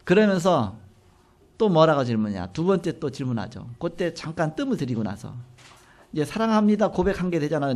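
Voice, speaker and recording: A man preaching a sermon, retelling scripture with animated storytelling and acted-out dialogue. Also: fairly high pitch. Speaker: pastor.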